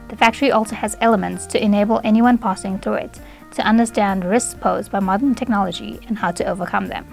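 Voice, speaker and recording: A woman reporter reading scripted news narration in an even, read-aloud delivery. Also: medium pitch, quick pace, vocal fry. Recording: voice-over with faint music.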